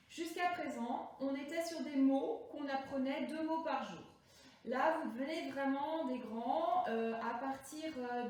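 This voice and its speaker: A woman teaching young primary pupils a remote lesson, speaking slowly and deliberately and stretching out words for the children. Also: high-pitched. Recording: echoey room, voice from a distance.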